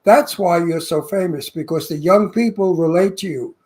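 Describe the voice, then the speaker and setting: A co-host in his eighties on a celebrity interview show talks effusively and emphatically, lavishing compliments and restarting phrases, often repeating words as he begins sentences. His voice sits high with a darkish tone at normal speed.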